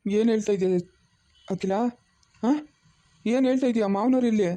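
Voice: medium pitch, normal speed, mellow, close to an everyday voice. A performer voicing a bewildered, stern grandfather who keeps questioning, with a rural Chikkaballapur Kannada accent.

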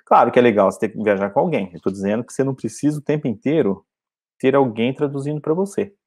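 Man, from Brazil, English teacher, casual lesson, mellow voice, mid pitch. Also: animated, quick pace, breathy edge. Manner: conversational, often asks "entendeu?".

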